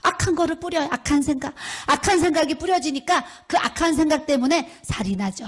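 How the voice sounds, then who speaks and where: A middle-aged woman, a pastor's wife, preaches a sermon as a storyteller, acting out the people she quotes with rising emphasis. Her voice is high and her pace fairly quick.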